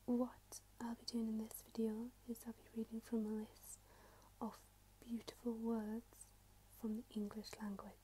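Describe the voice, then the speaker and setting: Whispering ASMR woman, flat and unhurried. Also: a little high, poor audio. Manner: whispered, soft-spoken, careful enunciation with repeated words. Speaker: ASMR host. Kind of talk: whispered ASMR reading of a word list. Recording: hissy close recording with faint clicking.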